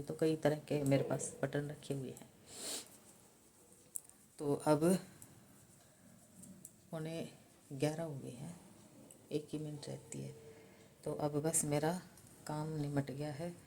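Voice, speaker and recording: A low, mellow voice from an older woman talking to her viewers in a home vlog. She keeps it soft and unhurried so her sleeping husband stays undisturbed, with a faint hiss behind her. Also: little pitch movement, vocal fry. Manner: speaks softly and slowly so her sleeping husband is not woken. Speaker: vlogger. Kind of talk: casual vlog chat. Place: home at night.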